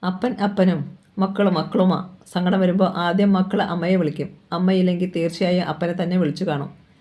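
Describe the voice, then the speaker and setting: A woman reading a novel aloud in a steady, expressive narration. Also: lowish voice, normal speed, dull audio. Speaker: audiobook reader.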